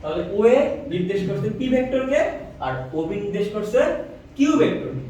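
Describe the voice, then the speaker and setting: A male physics teacher lecturing a class, firing quick questions and repeating answers in a call-and-response drill. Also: sits high, expressive, dark tone, slight background noise. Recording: echoey room, mic far off.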